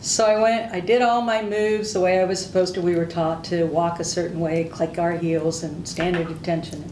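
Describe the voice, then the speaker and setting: In this oral history interview, a veteran, an older woman and native Hungarian speaker, shares candid, straightforward tales of her service. Her darkish voice is on the low side, moving little in pitch, at a moderate pace. A far-off mic catches roomy echo and a little hiss or hum.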